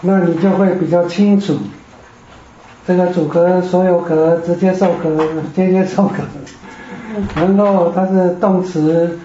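High-voiced man teaching in a classroom. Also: level tone, unhurried, dark tone, slight background noise. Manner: patient, explains step by step. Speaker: Greek teacher. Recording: echoey room, dull lo-fi.

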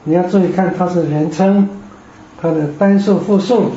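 A man's voice: high voice, fairly even intonation, moderate pace, dark tone, a little hiss or hum. A man teaching a Greek grammar class, explaining patiently step by step. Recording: echoey room, dull lo-fi.

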